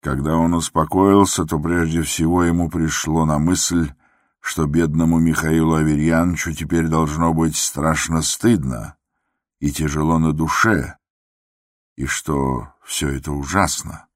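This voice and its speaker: A man reading classic prose aloud in a measured, even storytelling manner. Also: extremely low pitch, no echo, clean studio sound. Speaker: audiobook reader. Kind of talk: scripted narration of classic prose.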